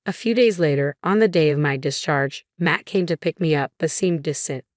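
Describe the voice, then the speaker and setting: A woman reading a first-person family drama story in an even, measured way. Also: sits low, no echo, studio quality. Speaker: narrator.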